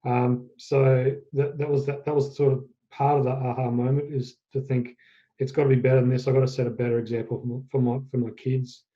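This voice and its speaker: Dark, flat-voiced Australian man. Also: mid-range voice. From Australia, central Queensland. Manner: halting, self-correcting storytelling. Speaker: guest, fitness business owner. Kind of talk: casual interview storytelling. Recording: dull lo-fi podcast audio.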